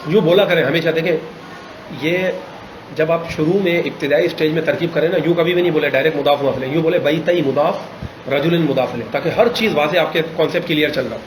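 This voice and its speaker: A man's voice: fairly high pitch, echoey room, noisy background. A male teacher leading an Arabic grammar class, patiently correcting and quizzing his students.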